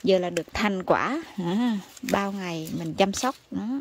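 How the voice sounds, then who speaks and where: A woman from Vietnam, chatting excitedly to her viewers as she picks vegetables in her home garden outdoors. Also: mid-range voice, unhurried, a little hiss or hum. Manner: chatty and exclamatory, calls viewers family. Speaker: gardening vlogger. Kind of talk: casual chat to viewers while harvesting.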